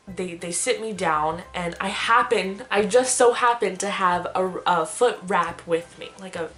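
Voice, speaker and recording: A young woman vlogging, telling a story in a casual, animated way and laughing often as she talks. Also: mid-range voice.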